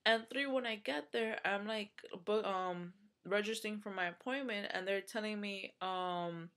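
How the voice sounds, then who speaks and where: A woman's voice: mid-range voice, unhurried, fairly bright tone. A young woman from the United States in a casual vlog, venting with frustration, swearing and using lots of fillers, with a runny nose. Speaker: vlogger.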